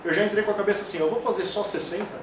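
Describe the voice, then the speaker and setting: A man in his forties who coaches kettlebell sport tells stories in rapid-fire bursts, his voice sitting high, and he acts out the quoted voices along the way. The casual interview was recorded far from the mic, in an echoey room with background noise.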